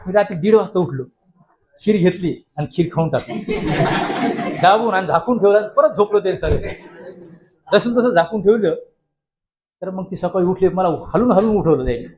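High-voiced man. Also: normal speed, pauses often. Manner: folksy, lively anecdote-telling with acted-out quotes. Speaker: guest speaker at a college. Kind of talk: humorous motivational speech with storytelling.

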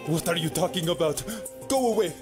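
A man with an Indian accent voicing a fussy, fatalistic male software program in a video game, with an overdramatic manner. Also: a little high, lively intonation, fairly quick, natural voice. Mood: haughty. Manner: overdramatic, repeats doom. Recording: game music underneath.

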